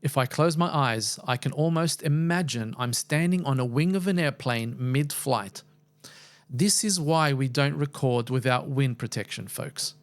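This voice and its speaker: A man's voice: mid-range voice, a little slow. A man narrating a scripted product review as the reviewer, with a wry, playfully exaggerated way of talking.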